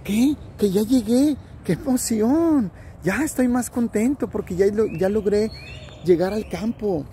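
A man's voice: sits high, normal speed, a little hiss or hum, pitched above the performer's own voice. A man doing an eager little boy. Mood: delighted. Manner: childlike, excited exclamations.

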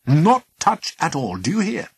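A man's voice: on the high side, wildly swooping pitch, unhurried, creaky, slightly rough, no echo, pitched above the performer's own voice, exaggerated voice. A man voicing a stern husband who speaks sharply and firmly. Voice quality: sharp, firm.

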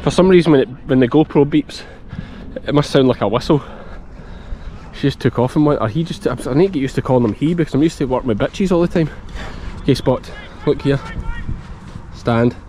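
A man's voice: medium pitch, brisk, warm tone. A man in his thirties with a broad Scottish accent, a sheep farmer chatting casually as he vlogs and talks to his dog. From Scotland. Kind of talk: casual outdoor vlog chat, talking to child and sheepdog. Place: outdoors in an open farm field. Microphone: action camera held at arm's length. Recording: outdoor field noise.

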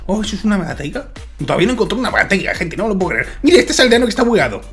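Excitable gamer, wildly swinging pitch. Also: male voice, rapid-fire, faint music behind. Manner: excitable, swears a lot, jumps from mutters to loud shouts. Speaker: gaming YouTuber. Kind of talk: Minecraft let's play commentary.

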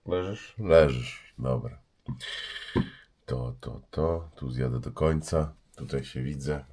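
Stream host, man, very low husky voice, blocked nose, laid-back joking chat from a home desk mic. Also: takes it slowly, darkish tone. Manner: loose, joking, greets chat by name. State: stuffy nose from a cold. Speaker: livestream host. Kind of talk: casual livestream chat.

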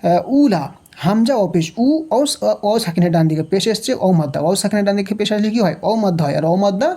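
A woman teaching tajweed, slowly spelling out letters and vowel marks, asking the learner questions and drilling each rule with patient repetition. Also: medium pitch, dark tone. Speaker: Quran recitation teacher. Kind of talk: tajweed lesson, spelling out and reciting verses. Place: home recording, unseen.

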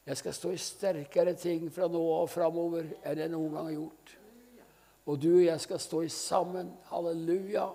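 A man's voice: fairly high pitch, vocal fry, mellow. An older man preaching a sermon at a church meeting, telling stories fervently and breaking in with frequent hallelujahs. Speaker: evangelist preacher.

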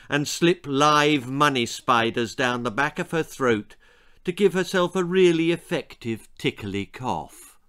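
A smooth, slightly bright voice on the high side belongs to a British author in his sixties. He gives a theatrical reading of his children's story in a small book-lined room, relishing all its grotesque details.

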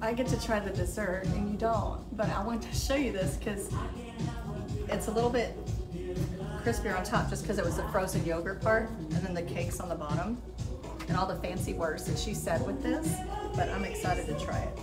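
An upbeat, chatty woman hosts a casual local interview and tastes food on camera. She speaks at an average pitch with a gushing, friendly manner. Music plays clearly under her voice. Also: normal speed, low-quality recording. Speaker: host.

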